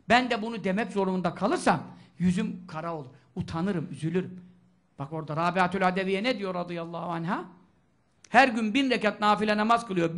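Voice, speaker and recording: A man delivers a religious lesson in a strikingly high voice with a bright, forceful edge. He preaches with fervor, swinging between loud exhortation and near-whispers, and breaks into melodic chanting of scripture. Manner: chants Quranic verses in melodic recitation. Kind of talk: sermon lesson.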